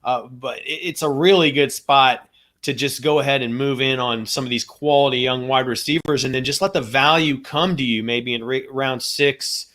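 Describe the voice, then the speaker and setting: A man's voice: mid-range voice, normal speed, fairly bright tone. Methodical podcast co-host, man. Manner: methodical, runs through stats and contract figures; hedging, thinks aloud with "you know". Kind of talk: casual sports analysis chat.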